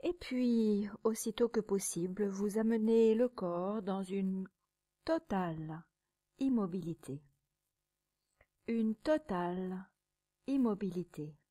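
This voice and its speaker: In this guided meditation, a woman teaching yoga nidra uses a medium-pitched, gentle voice that turns breathy now and then. Her delivery is measured and calming, broken into short phrases with pauses.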